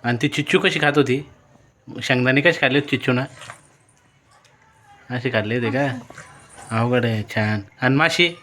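A man's voice: medium pitch, normal speed, pauses often, a bit bright, slight background noise. A man at home filming a small child, playfully coaxing with repeated questions. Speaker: parent filming a toddler.

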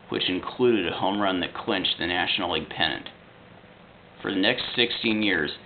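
Low-voiced man reading sports history. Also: a little hiss or hum. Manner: steady, fact-heavy reading. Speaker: video narrator. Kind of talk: read sports history narration. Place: small indoor room at home. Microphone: webcam. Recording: tinny lo-fi webcam audio.

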